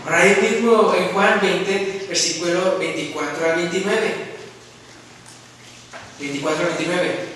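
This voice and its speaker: A man's voice: high voice, fairly even intonation, measured pace, long pauses, a bit bright, distant mic, slight background noise. A man preaching a sermon in a church, reading scripture and asking his congregation questions in a conversational way. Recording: echoey church hall, mic from afar.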